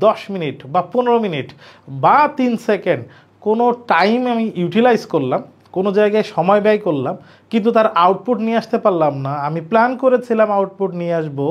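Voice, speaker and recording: A man teaching an online grammar class, explaining slowly, repeating points and asking his students questions. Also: sits high. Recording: dull lo-fi recording.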